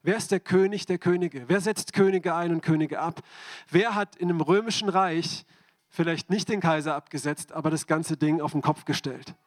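A man's voice: fairly high pitch, normal speed. A man preaching a sermon, speaking directly to the congregation and asking them repeated questions.

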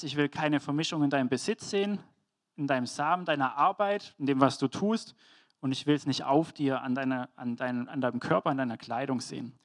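Earnest German man preaching, slightly high. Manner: earnest, emphatic, with rhetorical questions and light laughs. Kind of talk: sermon on scripture.

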